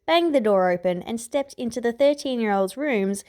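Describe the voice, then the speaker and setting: Narrating her own podfic, a woman reads scripted fan fiction aloud at normal speed. Her voice sits a little high and is expressive, with a slightly mellow quality.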